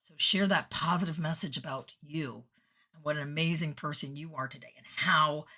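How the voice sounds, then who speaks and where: A middle-aged woman and motivational speaker records a weekly video message. Her voice sits a touch low. She sounds upbeat, earnest and encouraging. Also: normal speed, sharp tone.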